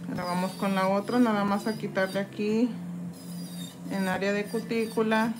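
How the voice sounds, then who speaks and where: A woman's voice: mid-range voice, flat delivery, normal speed, noisy background. A woman from Mexico doing casual live-stream chat as she files acrylic off her own nails, reading viewer comments aloud and greeting each one by name. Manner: chatty, reads viewer comments aloud and greets them while working. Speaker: nail tech streamer. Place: indoors at a nail desk.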